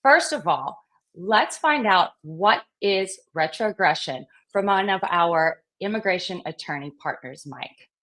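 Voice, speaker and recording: A woman's voice: lowish voice, expressive, measured pace, fairly bright tone. A woman hosting a live stream, upbeat and welcoming as she greets viewers and guests. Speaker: host.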